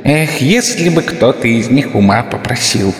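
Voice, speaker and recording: A man voicing a wise, gentle snow angel in an audiobook, speaking softly and without hurry. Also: medium pitch, lively intonation, a little slow, lightly acted. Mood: calm musing. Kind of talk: audiobook character reading. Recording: reverberant hall with faint music.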